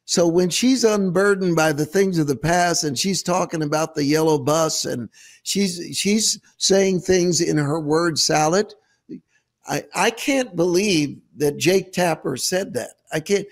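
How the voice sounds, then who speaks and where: A male host reacts to the news with emphatic disbelief and biting sarcasm. His voice sits a bit high and has a gravelly grain. He talks straight to his audience. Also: a little slow. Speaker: show host, preacher. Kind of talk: casual political commentary.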